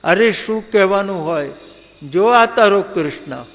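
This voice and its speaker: Bhima, a strong, hot-tempered warrior who barks out gruff lines, as a male storyteller puts him on. The voice is gravelly, and a long reverb trails behind it. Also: high-pitched, expressive, measured pace, fairly bright tone, full character voice. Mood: angry.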